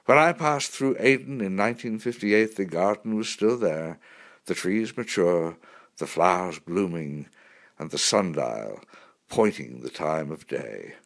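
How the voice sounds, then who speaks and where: A man narrating a first-person memoir in an expressive, vivid storytelling manner. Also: deep voice, unhurried, creaky.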